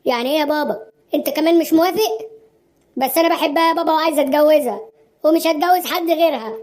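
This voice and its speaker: Woman doing a stubborn young egyptian guy, really high voice, keeps insisting and pleading. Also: rapid-fire, darkish tone, close to an everyday voice. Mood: insistent. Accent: Egyptian Arabic. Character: stubborn young man wanting to marry.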